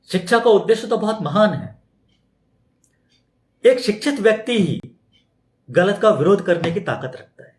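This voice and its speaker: A man's voice: sits high, animated, moderate pace, long pauses. A man giving an unscripted spiritual talk, speaking conversationally, throwing out rhetorical questions and mimicking other people's objections. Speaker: spiritual teacher. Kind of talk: extempore spoken talk. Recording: roomy echo.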